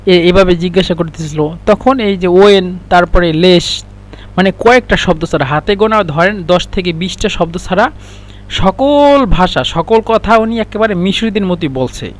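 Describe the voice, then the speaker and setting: A man teaching Arabic phrases in a casual spoken lesson, slowly explaining each one and repeating the examples. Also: high-pitched, lively intonation.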